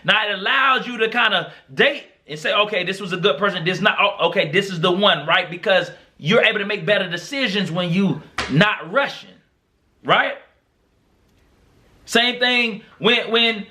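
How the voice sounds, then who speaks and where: A man's voice: high voice, sharp tone. A young man speaking, hosting a podcast as a motivational monologue, earnest and encouraging with lots of repetition. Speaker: podcast host.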